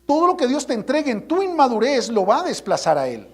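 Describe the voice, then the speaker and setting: A man's voice: very high-pitched, wildly swooping pitch, quick pace, husky. Emphatic preaching male pastor. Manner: emphatic preaching, rhetorical questions, acts out congregants' voices. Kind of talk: sermon.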